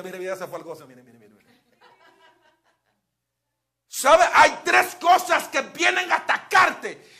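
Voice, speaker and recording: A man preaching a bilingual sermon. His voice sits unusually high and has a gravelly, fried edge. He talks slowly and leads the congregation in repeating words back to him. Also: pushed and bright. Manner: switches between Spanish and English, has the congregation repeat words.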